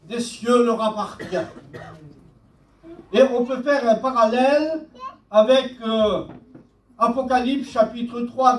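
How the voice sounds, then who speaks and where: A male pastor preaching with a very high voice and an unhurried, deliberate delivery. He quotes scripture line by line. The sound is roomy and picked up from some distance, like a mic across a church hall. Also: a little hiss or hum. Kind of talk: sermon.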